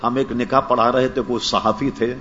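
A man's voice: medium pitch, level tone, fairly bright tone. A male religious scholar patiently explains in a question-and-answer session. He stops to check that his listeners understand and carefully corrects pronunciation. It is a dull, lo-fi archive recording with a faint hiss behind him.

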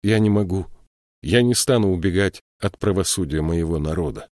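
A man's voice: low voice, moderate pace, dry recording, studio quality, close to an everyday voice. A man doing a stubborn little troll. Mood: firm. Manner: calm, firm, quietly resolute. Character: small stubborn male troll, principled and wry.

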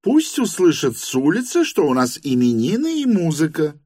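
A man's voice: wildly swooping pitch, normal speed, a little mellow, no room sound, studio quality. A man reading an audiobook, voicing a bossy, suspicious middle-aged hostess who insists and commands. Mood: insistent. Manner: commanding, shrill and indignant.

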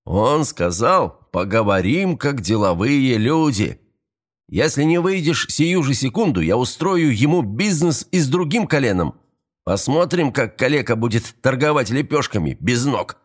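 A sneering young gang thug taunts and threatens in a raised, high voice, as a male audiobook reader puts him on. Every line drips with cruel mockery. The pitch swings widely. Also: big pitch swings, measured pace. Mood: menacing.

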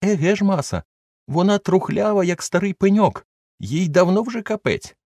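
A man voicing a fearful old male servant, in a high plaintive voice for an audiobook. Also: lively intonation, moderate pace, darkish tone, no echo. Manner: plaintive, pleading, high squeaky voice.

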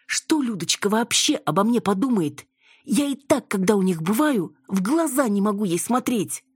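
Woman reading a young exasperated daughter, raised and exclaiming, husky, very lively pitch. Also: moderate pace, no echo, studio quality.

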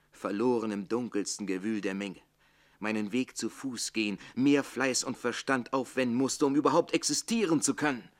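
In a theatrical radio play, a male actor with a lowish, natural voice plays a jealous, witty, defiant servant. His declamatory delivery shifts between hushed and forceful.

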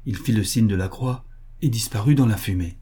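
An audiobook narrator reads a literary short story aloud, his voice on the low side and slightly rough. The scripted narration is measured and even in its storytelling.

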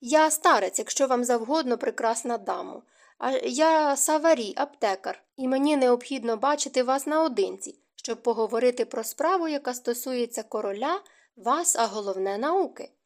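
A woman's voice: fairly high pitch, lively intonation, normal speed. A woman narrator voicing an insistent, long-winded old bearded apothecary in an audiobook. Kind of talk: audiobook character reading.

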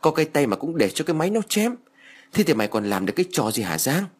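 A man voicing a harsh old peasant grandmother who curses and yells at her family. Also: medium pitch, sing-song, fast, breathy edge, voice pushed up. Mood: angry. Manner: harsh, cursing, yelling.

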